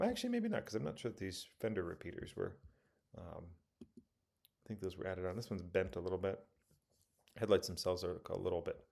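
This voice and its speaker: Casting: male reviewer, deep gravelly voice, loose self-correcting commentary. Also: a little mellow. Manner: rambling, self-correcting, many ums. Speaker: car auction reviewer. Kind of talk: casual commentary over photos.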